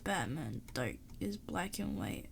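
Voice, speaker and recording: A woman's voice: sits low, big pitch swings, takes it slowly, creaky, slight background noise. A woman streamer, sick and sparing her voice, chatting casually and thinking aloud while she draws on a live stream. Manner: thinking aloud, rambling, laughs often.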